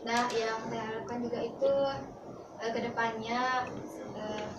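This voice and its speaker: A woman's voice: a little high, monotone, unhurried, lo-fi sound, loud music behind the voice. A teenage girl who directed a school film, answering interview questions shyly and politely. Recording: distant roomy mic with loud noise.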